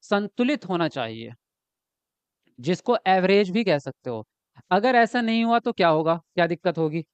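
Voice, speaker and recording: Expressive and high-sitting, a man's clear, resonant voice carries a live online exam-prep lecture at normal speed with no room sound. He reads viewer comments aloud and speaks to them. He also lays things out step by step, posing and answering his own questions.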